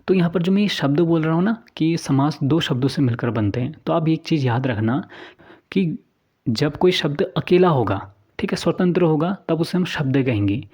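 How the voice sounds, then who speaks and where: A man's voice: medium pitch, darkish tone. A man giving an exam-prep lesson, explaining answers step by step and repeating key points back as questions. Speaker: teacher.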